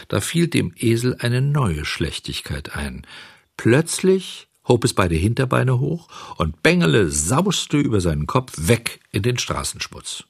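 Man reading a storybook, low husky voice, lively, very dry sound. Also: no room sound. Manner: lively, expressive telling. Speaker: narrator.

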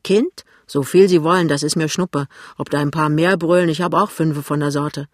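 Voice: mid-range voice, fairly even intonation, moderate pace, no echo, close to an everyday voice. Blunt tough working mum, reader doing her voice, dry close sound. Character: blunt working-class mother of five. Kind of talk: audiobook reading.

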